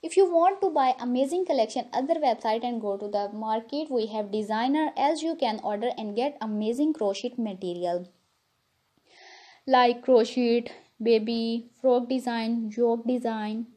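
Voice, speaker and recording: A woman's voice: on the high side, moderate pace, warm tone. A woman narrating a showcase as a channel host, in effusive, repetitive phrasing.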